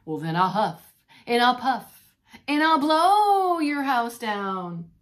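A woman voicing a menacing big bad male pig in a storybook read-aloud, with booming, drawn-out threats. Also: fairly bright tone. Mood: threatening.

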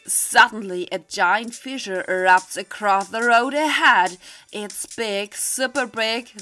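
With a mid-range, sharp-toned voice, a middle-aged German gaming host reads game text aloud and comments in a talkative, candid, vulgar way. The desk microphone sits close to her mouth in a small home recording space, and game music plays.

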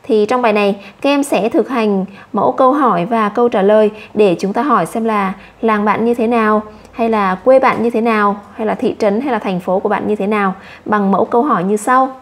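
A woman with a Vietnamese accent teaching English to children, saying each English word slowly twice and explaining it in Vietnamese. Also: medium pitch. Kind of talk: slow classroom explanation for children.

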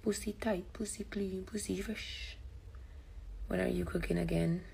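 A woman's voice: on the low side, steady tone, unhurried, vocal fry, a little mellow, slight background noise. A young woman with a Jamaican accent chatting playfully on a livestream from her phone indoors. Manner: playful, laughing, mimicking accents. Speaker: singer on a livestream. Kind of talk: casual livestream chat. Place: indoor room. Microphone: phone at arm's length.

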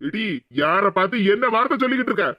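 Brief: man doing a gruff cartoon husband, southern Tamil Nadu accent, high for a man, dull dry sound. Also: fast talker, dry recording, close to an everyday voice. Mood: commanding. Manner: gruff, commanding. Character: bossy older husband and father-in-law turned stern. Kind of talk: cartoon voice acting.

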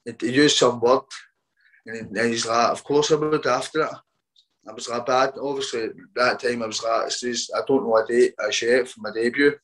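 A man's voice: mid-range voice, fairly even intonation, a bit bright, low-quality recording. Boxer telling his story. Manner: halting, repeats words, quotes others as he tells it. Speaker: boxer being interviewed. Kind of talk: casual interview storytelling.

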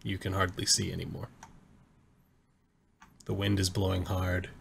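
A man narrating a tabletop game as game master, describing scenes in a calm, measured way. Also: deep voice, gravelly, slight background noise.

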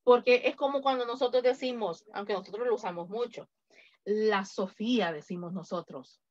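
Teaching English grammar online, this woman speaks with a Latin American Spanish accent and patiently, slowly repeats the example answers. Her slightly high voice has a darkish tone, heard through a muffled recording.

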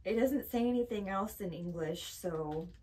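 A woman's voice: mid-range voice, moderate pace, mellow, a little hiss or hum. A woman co-hosting a casual taste-test video, dramatic and squeamish, laughing often. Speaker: co-host.

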